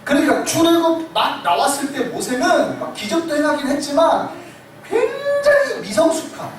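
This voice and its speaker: A male pastor delivering a sermon in animated storytelling, acting out the voices in it. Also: very high voice, moderate pace. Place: church sanctuary. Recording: echoey sanctuary, distant mic, noisy.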